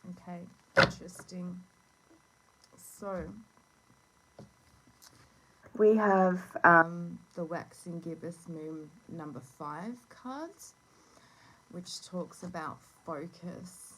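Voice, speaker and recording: A woman who is unwell with a sore throat, giving a casual, halting card reading as host, with gentle instructive asides. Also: on the low side, slightly rough. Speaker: tarot and oracle card reader hosting a reading. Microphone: phone. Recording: noisy phone recording with clicks.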